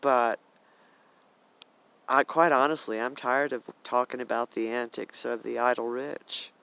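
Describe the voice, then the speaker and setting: An older American man in his sixties or beyond, talking bluntly and emphatically in a rambling personal vlog, with drawn-out pauses. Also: mid-range voice, level tone, vocal fry, sharp tone, clear, resonant tone, rough recording. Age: 60s or older. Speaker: vlogger. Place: outdoors in a garden swing in the wind. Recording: windy outdoor noise. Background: wind and outdoor ambience.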